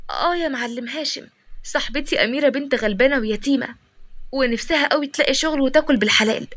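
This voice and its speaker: A talkative young Egyptian woman coaxes and scolds her friend in a rush of words, voiced by a woman storyteller. Her tone is persuasive and a little high. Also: fairly bright tone. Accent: Egyptian Arabic. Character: young woman, loyal chatty friend and shop worker.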